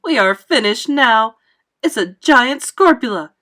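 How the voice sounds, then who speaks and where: A woman's voice: mid-range voice, lively intonation, moderate pace, sharp tone. A woman voicing a bossy, easily alarmed male fire chief in a storybook, exclaiming and blustering.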